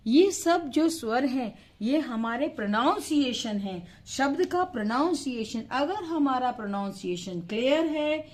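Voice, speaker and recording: A woman's voice: fairly high pitch, darkish tone. A woman teaching how to write and pronounce vowels, asking questions and answering them herself, and stretching the sounds to show them. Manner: slow, patient, asks questions then answers them; stretches vowels to model pronunciation. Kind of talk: instructional lesson.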